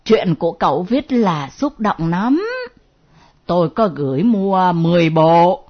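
A woman voicing a courteous elderly man in a nursing home, speaking slowly and formally. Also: lowish voice, lively intonation, full character voice. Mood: kindly. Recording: dull lo-fi recording with music.

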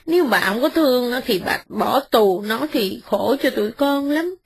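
A woman's voice: on the high side, lively intonation, moderate pace, creaky, slightly rough, pitched above the performer's own voice, exaggerated voice. A woman doing a timid, pleading poor man. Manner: humble, begging.

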